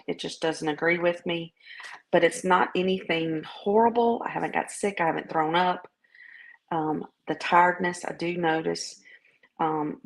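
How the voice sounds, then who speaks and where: A woman from the southern United States with a Southern American accent, talking in a casual video diary in a folksy, halting, rambling way. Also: lowish voice, creaky, poor audio. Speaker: vlogger.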